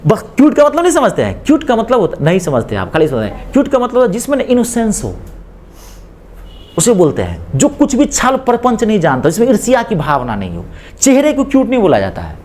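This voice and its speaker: In a classroom English grammar lecture, the man quizzes students with repeated questions, his Hindi explanations sprinkled with English phrases. He speaks a little fast in a high-pitched, slightly mellow voice with huge pitch swings.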